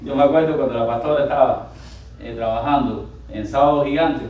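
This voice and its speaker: A male pastor preaching a sermon, animated and building up to loud exclamations, recorded in a church sanctuary. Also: medium pitch, fairly quick, recorded from a distance, narrow, tinny audio. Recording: echoey church hall miked from afar.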